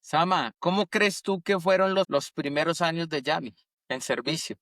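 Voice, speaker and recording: Host asking probing questions. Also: male voice, fairly high pitch, moderate pace, fairly bright tone, no echo, studio quality. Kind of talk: interview questions.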